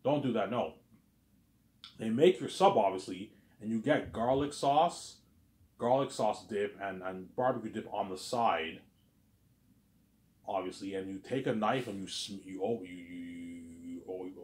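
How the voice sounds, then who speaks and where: A man in his thirties vlogs to his viewers in a casual, rambling monologue, repeating himself and tripping over words. His voice sits on the low side and is a little slow and a little mellow, with reverb on the recording.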